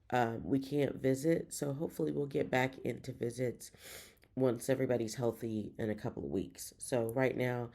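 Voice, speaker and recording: Woman reseller vlogging, winded, gravelly low-toned delivery, upbeat rambling chat. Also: mellow. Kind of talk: casual vlog update.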